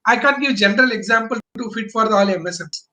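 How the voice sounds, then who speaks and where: A man's voice: high-pitched, fast talker, pushed and bright. A man from Bangalore, explaining business as an interview guest in emphatic, choppy phrases with rhetorical questions. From Bangalore, India.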